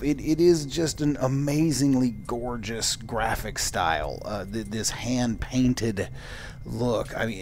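A man's voice: medium pitch, darkish tone. A man hosting a VR gaming channel with casual, playful, effusive, chatty commentary.

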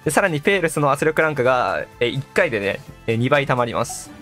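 A man doing excitable live gameplay commentary as a streamer. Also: medium pitch, fast. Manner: excitable, exclaiming, echoes game lines. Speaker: gaming streamer. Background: game music and sound effects.

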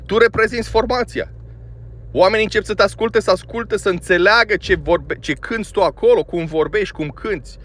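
A man from Romania delivers an opinionated monologue in a voice pitched a little above most men. He talks bluntly and scolds as he goes, with plenty of filler words. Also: fairly bright tone. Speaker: music commentator.

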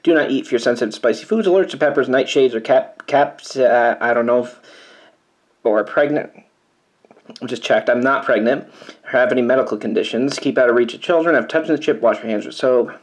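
A man's voice: medium pitch, a little fast. A man doing a spicy chip challenge on his vlog, nervous and sighing as he reads the warnings aloud with wry asides. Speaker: YouTuber doing a food challenge. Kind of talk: casual vlog commentary.

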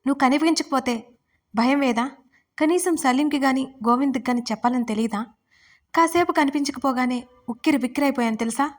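A woman's voice: high voice, fairly quick, close to an everyday voice. Storybook husband, young man, anxious and scolding, voiced by a female narrator. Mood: exasperated. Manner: shouting, scolding.

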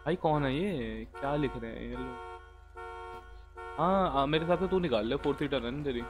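A man's voice: mid-range voice, moderate pace, over music. A man in a game role-play, joking around with brash, slangy banter.

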